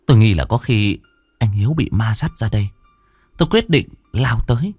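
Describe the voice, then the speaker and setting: A man's voice: on the low side, expressive, moderate pace, darkish tone, slightly rough, no room sound, soft background music. A man narrating a ghost story in a dramatic, suspenseful way.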